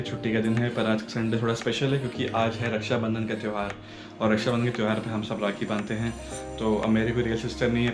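A man's voice: on the low side, echoey room. A man in his thirties chatting casually to a handheld camera for his vlog, slipping English words into his talk. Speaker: vlogger. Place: home rooms, lift and basement parking. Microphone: phone or camera at arm's length.

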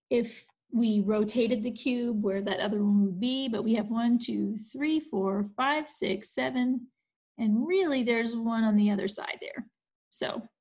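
A woman teacher records a distance-learning math lesson, talking at an unhurried, deliberate pace in a slightly high voice. She explains each step patiently and keeps checking in with her students. The delivery is calm and clear.

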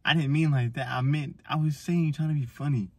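A man's voice: fairly high pitch, fairly even intonation, fairly quick, husky, dry recording. A man hosting a vlog, teasing and rambling jokily through a blindfolded date skit. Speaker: vlog host.

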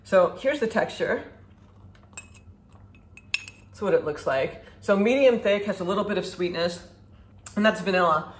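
A woman's voice: mid-range voice, unhurried, pauses often, slight background noise. A woman in her thirties reviewing food in a home kitchen, talking in a chatty, upbeat way while she demonstrates, recorded by a camera a few feet away. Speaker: food vlogger. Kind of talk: casual product review. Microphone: camera at a distance, standing at a counter. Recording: echoey kitchen with faint ambience.

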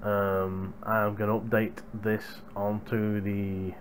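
A man's voice: fairly low pitch, little pitch movement, takes it slowly, a little hiss or hum. A young man chatting casually to viewers as a hardware reviewer, recorded on a gaming headset microphone. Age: young adult. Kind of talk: casual vlog chat to viewers. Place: small room at home, indoors. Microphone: headset boom microphone.

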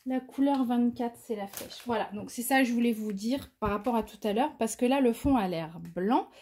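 Gushing woman with a husky voice. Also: a little high, normal speed, dark tone. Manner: gushing, enthusiastic. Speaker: crafting vlogger. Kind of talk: casual unboxing chat.

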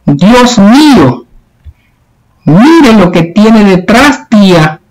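A man's voice: high voice, big pitch swings, extremely slow, heavily acted, poor audio. A male teacher reading the lines of a mischievous boy in a storybook, slightly raised and drawn out. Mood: startled. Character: mischievous young boy caught out, startled.

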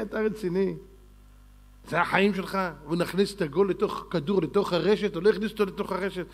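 A man with a notably high voice delivers a fiery sermon as a rabbi. He scolds his listeners with rhetorical questions and mocking, sarcastic asides. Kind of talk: Torah lecture sermon.

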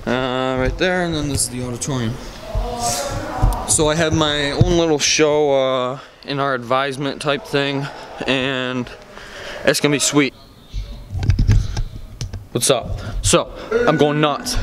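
A young man chatting casually into a handheld camera, sounding hurried as he vlogs backstage. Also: on the high side. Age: young adult. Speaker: vlogger, performer. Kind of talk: casual handheld vlog chat. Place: backstage and in school auditorium. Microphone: camera held at arm's length. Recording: noisy handheld camera audio.

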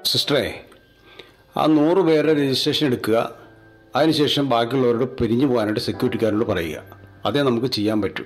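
A man playing a hospital doctor in an amateur skit, giving brisk, coaxing instructions. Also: medium pitch, faint music behind, lightly acted. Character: calm male hospital doctor.

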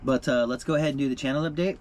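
Relaxed middle-aged man chatting in a truck camper. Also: medium pitch, very fast, slight background noise. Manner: relaxed, chatty, laughs often, many fillers. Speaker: vlogger. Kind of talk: casual vlog talk to camera. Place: inside a small truck camper shell at night.

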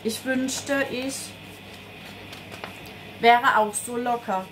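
Defiant touchy schoolgirl, read by a woman, high-ish, unhurried, noisy take. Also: steady tone, a bit bright. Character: prickly stubborn schoolgirl, easily annoyed.

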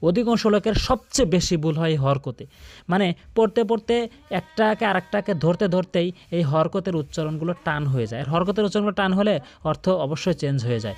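A man's voice: sits high, lively intonation, a little mellow. Earnest male Quran recitation teacher. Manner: earnest, repeats corrections, chants drawn-out practice words. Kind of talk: instructional video lesson.

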